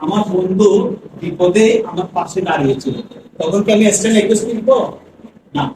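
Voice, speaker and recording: A man teaching English to a class, asking the same question again and again for the students to answer together, reading the English sentences out slowly. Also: high voice. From Bangladesh. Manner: drills students with repeated questions. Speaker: English lecturer. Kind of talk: classroom lesson with call-and-response. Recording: echoey classroom from far off, noisy.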